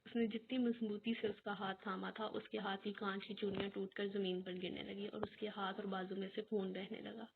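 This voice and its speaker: A woman narrating a romance novel aloud in a steady storytelling manner. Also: medium pitch, vocal fry, few pauses. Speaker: audiobook narrator. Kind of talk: reading an Urdu novel aloud. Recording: tinny phone-like recording with faint hiss.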